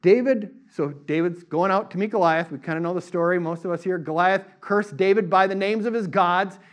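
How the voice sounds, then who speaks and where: A middle-aged male pastor preaching a sermon in a lively, conversational way, mixing casual asides with fervent declarations. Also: high voice, brisk. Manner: animated preaching, acts out voices in quotes.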